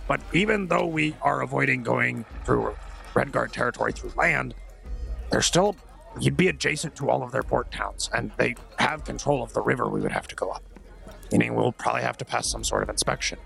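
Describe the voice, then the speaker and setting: A man playing his character in a tabletop game, blunt and animated. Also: mid-range voice, brisk, creaky, soft background music. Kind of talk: in-character tabletop role-play.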